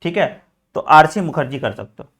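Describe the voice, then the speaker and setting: A man's voice: a little high, animated, moderate pace, fairly bright tone. A man coaching exam students in a casual lesson, talking directly and checking in often, mixing in English phrases. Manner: frequent "theek hai" check-ins, addresses students as beta.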